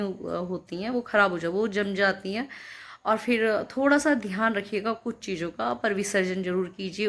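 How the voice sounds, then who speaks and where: A woman in her thirties, a vlogger telling a personal story in a chatty, rambling way with many fillers and restarts, then earnestly advising her viewers. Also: medium pitch.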